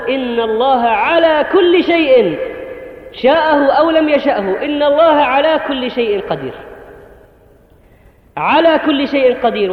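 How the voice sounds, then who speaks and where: A man preaching a sermon to the congregation, earnest and instructive, addressing the brothers directly. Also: very high voice. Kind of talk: Friday sermon. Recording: echoey hall, tinny phone-like sound.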